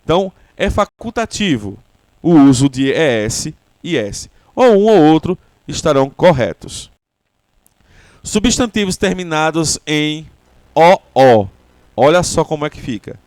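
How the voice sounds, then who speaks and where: Slow, lively Brazilian man teaching. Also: on the high side, dry recording. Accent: Brazilian Portuguese. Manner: slow, deliberate explanation with repeated example words. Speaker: English teacher. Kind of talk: language lesson.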